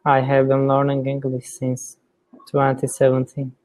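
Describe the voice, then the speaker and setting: A man's voice: mid-range voice, monotone, darkish tone. A man from Turkey, practicing English with a tutor and choosing his words carefully. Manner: careful, deliberate non-native phrasing. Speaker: student.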